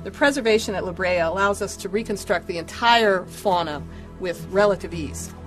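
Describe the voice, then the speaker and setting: A woman's voice: medium pitch, normal speed, soft background music, rough recording. A middle-aged woman explaining things as an expert interviewee in a nature documentary. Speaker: paleontologist interviewee.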